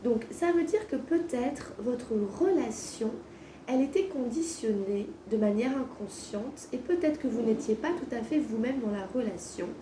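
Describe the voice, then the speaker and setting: High, slightly hoarse woman with swollen-tonsils voice. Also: dark tone. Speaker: tarot card reader, host. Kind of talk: casual spoken tarot reading. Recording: roomy echo, distant mic, faint noise.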